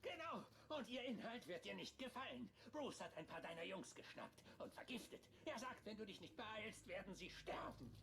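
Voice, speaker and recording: Talkative game orc sidekick, creaky, swooping pitch, self-important wheedling. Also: male voice, lively intonation, moderate pace, few pauses, fairly bright tone, exaggerated voice. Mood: chatty, urgent. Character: chatty, self-important orc scout ally. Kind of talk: fantasy video game acting.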